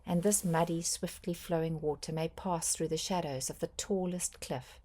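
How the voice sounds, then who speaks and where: In a low, steady, breathy voice, a woman softly reads a scripted guided meditation, keeping her phrasing gentle and measured and stopping frequently for pauses.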